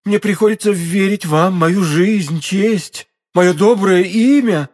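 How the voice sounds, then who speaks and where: A man's voice: high voice, slow, darkish tone, pitched above the performer's own voice. A man reading an audiobook, voicing a frightened proud queen with anxious, pleading outbursts.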